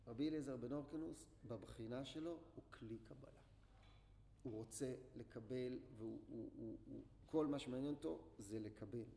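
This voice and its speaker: A man's voice: mid-range voice, creaky, warm tone. A man teaching a Torah class to a group, telling a story and asking his listeners questions, recorded in an echoey hall with faint noise. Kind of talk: religious class lecture.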